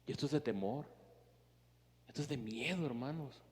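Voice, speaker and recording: A man preaching a sermon as pastor, emphatic, swinging between loud urgency and hushed earnestness as he speaks straight to the congregation. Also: medium pitch, normal speed, long reverb tail, a little hiss or hum. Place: church.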